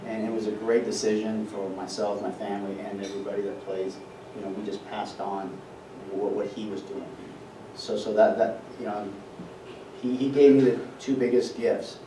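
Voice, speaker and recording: A middle-aged man speaking at a memorial, chatty and storytelling, stumbling over repeated words and laughing along the way. His voice comes from a distance in an echoey hall with a noisy background. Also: fairly low pitch. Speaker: eulogy speaker. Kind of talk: memorial speech with anecdotes. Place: event hall.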